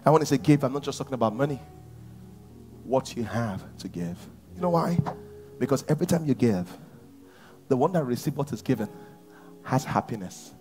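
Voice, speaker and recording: A pastor in his thirties with a Nigerian English accent, preaching a sermon on a large church stage and swinging from shouts to near whispers. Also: medium pitch, lively intonation, brisk, pauses often, faint music behind.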